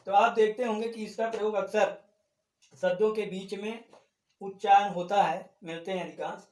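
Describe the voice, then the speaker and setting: A man with a high, steady, slightly mellow voice teaches Hindi grammar at a normal speed, far from the microphone in an echoey room. He works through the material step by step, repeating key terms and posing questions to the class that he then answers himself, in a classroom-style lesson.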